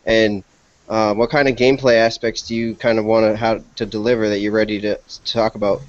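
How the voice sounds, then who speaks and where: A man's voice: on the low side, flat delivery, brisk, no echo. Boston-accented man hosting a podcast. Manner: rambling, repetitive questions. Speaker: podcast host. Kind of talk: casual podcast interview. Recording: dull lo-fi dry podcast audio.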